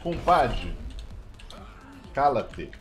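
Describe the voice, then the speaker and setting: A man with a Brazilian Portuguese accent giving excitable live gameplay commentary, shouting playful callouts and cheers. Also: mid-range voice, extremely slow. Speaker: gaming YouTuber. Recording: game music playing under the voice.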